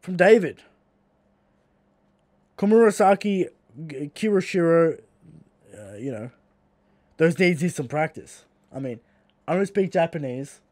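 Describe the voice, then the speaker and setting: Aussie dude on a podcast, high voice, swears a lot, dry close sound. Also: male voice, expressive, unhurried, pauses often, a little mellow, no echo. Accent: Australian. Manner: blunt, swears freely, rants. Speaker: podcast co-host. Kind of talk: casual chat.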